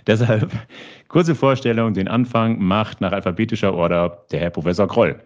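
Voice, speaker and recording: Low-voiced man hosting a podcast. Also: normal speed, dull audio. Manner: polished, lightly joking moderation. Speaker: podcast host. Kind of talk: scripted podcast intro and interviewing.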